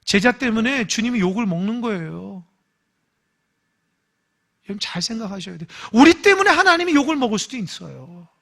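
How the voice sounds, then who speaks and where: Male pastor preaching a sermon, bright high voice, animated delivery with loud calls and hushed asides. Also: fairly quick, creaky, long pauses. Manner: acts out quoted voices in dialogue. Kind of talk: Sunday morning sermon.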